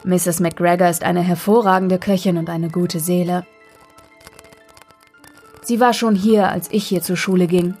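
A woman's voice: lowish voice, fairly even intonation, unhurried, long pauses, darkish tone, faint music behind. A woman voicing a good-humoured father who laughs easily, in a storybook reading. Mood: jovial. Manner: jovial.

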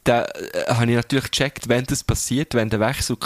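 A man with a Swiss German accent telling an anecdote in casual chat, relaxed and quick to laugh. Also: mid-range voice, no echo. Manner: relaxed storyteller, laughs easily.

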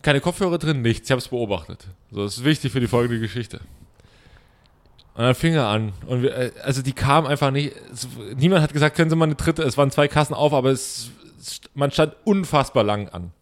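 A young German man telling a long, animated everyday story in casual chat, acting out his own inner voice and mocking himself. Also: medium pitch, fairly quick.

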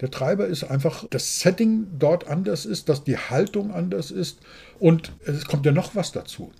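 Male consultant, podcast co-host, blunt and direct, dark husky tone. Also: a little high, moderate pace. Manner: blunt, outspoken, animated storytelling. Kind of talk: casual podcast conversation.

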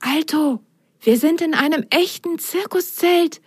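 A woman voicing a tiny, wide-eyed sock in a storybook, speaking high and breathless with wonder. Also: a little slow, no echo, clean studio sound. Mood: amazed.

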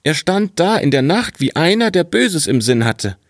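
A man's voice: a little high, very animated, normal speed, no room sound, clean studio sound, pitched above the performer's own voice. A man voicing a simple-minded, fearless young farm lad in a fairy-tale audiobook, naive and earnest. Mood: protesting innocence.

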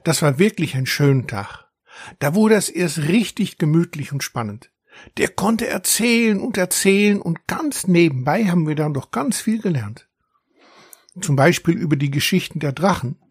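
A man voicing a boastful young male dragon who tells his tales with indignant, lively gusto. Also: a little high, moderate pace, breathy edge, dry recording, clean studio sound, voice pushed up. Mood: indignant boasting.

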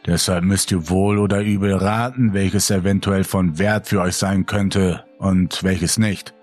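A man voicing a cruel male intruder who taunts his captives in a slow, sneering way, with a husky voice. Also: deep voice, fairly even intonation, darkish tone, faint music behind. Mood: mocking.

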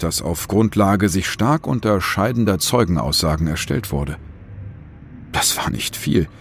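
A man's voice: sits low, slight background noise. A man narrates a scripted true-crime story as host, with dramatic, suspenseful phrasing in short pointed sentences.

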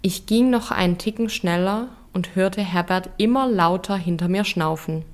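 A woman in her thirties narrating a reflective first-person story in a calm, measured, introspective way. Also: medium pitch.

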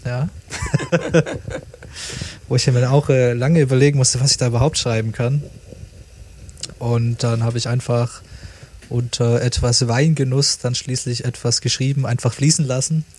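A man's voice: mid-range voice, steady tone, measured pace, pauses often, darkish tone, a little hiss or hum. A man casually reading his own humorous story aloud, chuckling and stumbling over lines now and then.

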